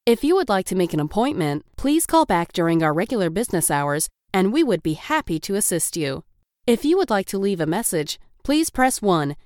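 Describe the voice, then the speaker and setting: A woman's voice: mid-range voice, no room sound, studio quality. A woman reading scripted phone menu greetings in a polite customer-service manner. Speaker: phone menu voice-over artist.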